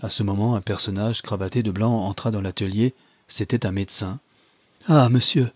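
A man reading a novel aloud in steady, dramatic audiobook narration. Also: on the low side, fairly quick, no room sound.

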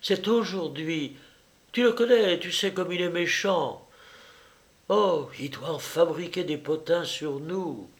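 A man's voice: on the high side, slow pace, pitched above the performer's own voice. A man voicing a fretful young woman who presses her lover to act and frets about gossip, in an insistent, gossipy manner.

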